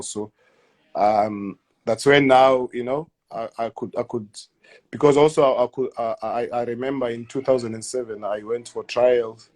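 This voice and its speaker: A guest footballer in his thirties, with a South African accent and a medium-pitched voice, answers questions in a casual interview. He is hesitant and halting, often repeating words and letting his sentences quietly trail off.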